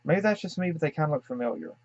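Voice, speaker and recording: A man's voice: fairly high pitch, animated, rapid-fire, no echo. A man from the Southern United States hosting a casual cartoon reaction, talking in a hesitant, musing way with lots of fillers and apologetic asides. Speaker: cartoon reaction channel host. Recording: dull lo-fi dry recording.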